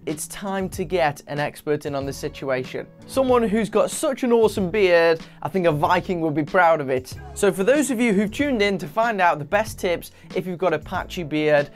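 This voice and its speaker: A man's voice: high-pitched, animated, moderate pace, faint music behind. A man hosting his channel, introducing a guest in a chatty, self-deprecating way. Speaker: channel host. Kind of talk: casual video intro to camera.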